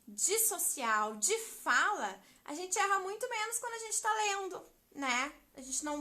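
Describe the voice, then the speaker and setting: Bright, high-pitched woman teaching. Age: 30s. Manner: chatty, animated, addresses viewers as "gente". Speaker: literacy teacher educator. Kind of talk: casual live-stream teaching talk.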